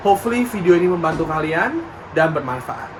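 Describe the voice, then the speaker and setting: A man's voice: a little high, expressive, fairly quick. A man from Indonesia hosting a casual interview, dropping English phrases into his talk. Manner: mixes English phrases, brief acknowledgements. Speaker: host. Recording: audible background noise.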